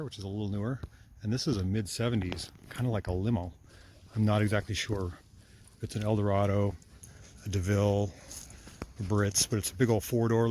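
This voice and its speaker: A man's voice: on the low side, a little mellow, a little hiss or hum. A man who works as a mechanic, chatting casually and a little out of breath while running outdoors through neighborhood streets with his dog. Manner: chatty, enthusiastic, talking while jogging. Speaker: vlogger, mechanic. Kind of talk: casual walking vlog.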